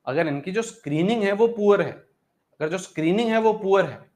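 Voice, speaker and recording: A man's voice: sits high, animated, a little fast, a little mellow. A man teaching an exam-prep chemistry lesson, repeating questions to his students and calling them 'beta'.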